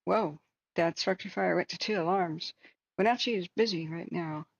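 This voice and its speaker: A woman's voice: lowish voice, moderate pace, gravelly, dry recording, muffled recording. A woman hosting a livestream with casual wildfire-tracking commentary, thinking aloud in a conversational way. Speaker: livestream host.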